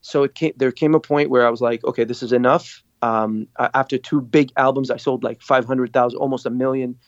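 As a podcast guest, a Lebanese singer and producer tells his story in a casual interview, animated and acting out what other people said. His medium-pitched voice moves fairly quickly and sounds dry and a little dull, with no room echo.

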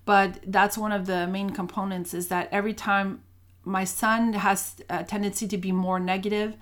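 A woman's voice: mid-range voice, little pitch movement, normal speed, fairly bright tone. Earnest woman in her 30s teaching about faith, chatty, keeps restarting sentences. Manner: earnest, storytelling, many restarts. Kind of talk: casual faith talk with personal story.

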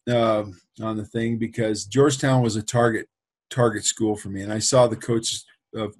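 A man's voice: fairly low pitch, fairly even intonation, moderate pace. A middle-aged man, a football trainer, telling a rambling story in a casual interview, with many restarts and asides. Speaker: football trainer and program host.

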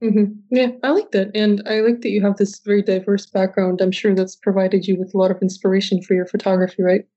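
A woman hosts a podcast interview in a husky, mellow voice. Her pitch stays flat and even. She keeps her guest going with frequent murmured agreement. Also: fairly quick, few pauses, muffled recording. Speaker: podcast host.

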